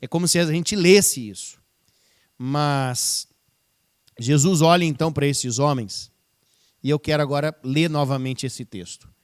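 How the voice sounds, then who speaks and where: High-voiced pastor. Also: male voice, measured pace, long pauses, clear, resonant tone. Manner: conversational preaching with rhetorical questions to the congregation. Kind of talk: sermon. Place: church service, livestreamed.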